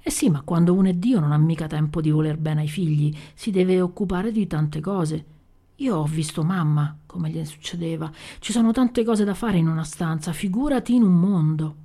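A woman voicing a seven-year-old girl who soothes her brother in a soft whisper in a storybook reading. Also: lowish voice, normal speed. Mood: soft soothing.

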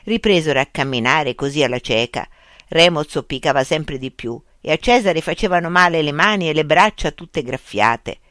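A narrator reading a children's adventure story aloud in a lively, expressive way. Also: medium pitch, moderate pace, dry recording, clean studio sound.

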